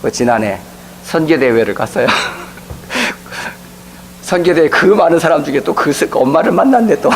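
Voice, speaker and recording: A man's voice: a little high, lively intonation, measured pace, pauses often, a little hiss or hum, poor audio. A middle-aged male pastor preaching a sermon, telling a story and acting out the voices of the people in it. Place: church sanctuary.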